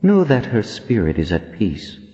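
A man voicing a proud female spirit who talks in a cool, measured, quietly menacing way. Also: on the low side, huge pitch swings, long reverb tail, highs cut off, soft background music, pitched above the performer's own voice. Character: proud female spirit, cold former tormentor.

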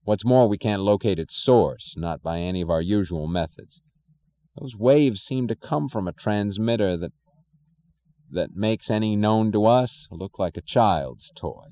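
A man voicing a weary male chief engineer who speaks quietly and slowly. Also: deep voice, expressive, lo-fi sound. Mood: weary calm. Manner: quiet, slow, resigned.

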